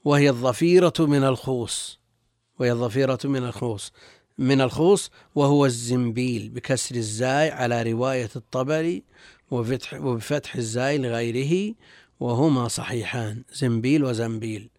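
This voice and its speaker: A man's voice: mid-range voice, moderate pace, a little mellow, no room sound, clean studio sound. A male religious scholar reading and explaining texts in formal classical Arabic, repeating phrases as he goes. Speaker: religious scholar, guest teacher.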